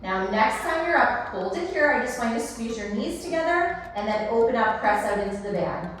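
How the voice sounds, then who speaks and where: Female aerobics instructor, higher-pitched, encouraging, counting reps; very reverberant room with music underneath. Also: animated, a little fast. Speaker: Pilates fitness instructor. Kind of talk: aerobics instructor cueing and counting through a workout. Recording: echoey room, distant, music behind.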